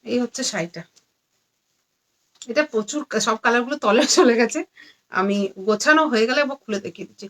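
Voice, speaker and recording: A tired, low-energy woman selling saris on a live stream, repeating every price again and again. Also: a little fast, long pauses. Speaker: online saree seller. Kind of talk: live-stream sales pitch. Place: indoors among stacks of saris.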